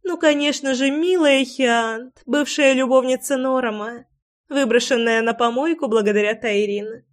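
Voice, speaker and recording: A woman doing a cold, gloating woman villain for a storybook, scheming and a touch high. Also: moderate pace, natural voice. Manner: cold, gloating, hissing threats.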